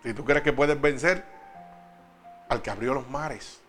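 A man's voice: medium pitch, a little slow, a bit bright, soft background music. A man preaching a sermon, talking straight to the congregation with emphatic questions.

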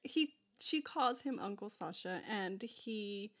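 A woman's voice: mid-range voice, animated, slow pace, a bit bright. A young woman co-hosting a casual chat, rambling with lots of fillers and restarts.

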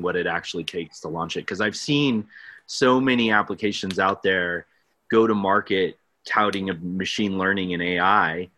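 A man hosts a podcast interview in a chatty, self-deprecating way, laughing often. His voice is very low but bright. The sound is dry and close, with no room echo. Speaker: podcast host. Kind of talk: casual interview.

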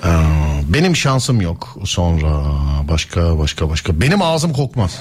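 A man's voice: deep voice, sing-song, measured pace, husky. Playful laughing male radio host. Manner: playful, teasing, laughs often. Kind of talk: live radio call-in chat.

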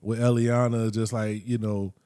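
A man in his late thirties talks in a loose, unhurried way, often stretching his words and dropping in slang. His voice is dark and mellow, recorded close in a dry room. It sounds like casual podcast talk among friends. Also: fairly low pitch, little pitch movement, no room sound. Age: 30s. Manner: reflective, drawn-out, slangy. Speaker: podcast co-host. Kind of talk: casual chat.

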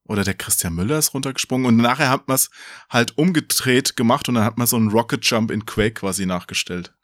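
A man in his forties hosting a podcast, with a mid-pitched voice, joking and teasing his guest. The sound is dry and close, with no room around it. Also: fast, a bit bright, no room sound. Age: 40s. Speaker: podcast host. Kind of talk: casual chat.

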